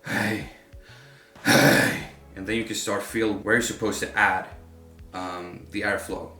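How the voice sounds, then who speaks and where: Low-voiced man teaching casually in a roomy space. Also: steady tone, normal speed, sharp tone. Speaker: vocal coach, metal vocalist. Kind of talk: casual instructional talk to camera. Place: room with a home studio setup. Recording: roomy echo, faint music behind.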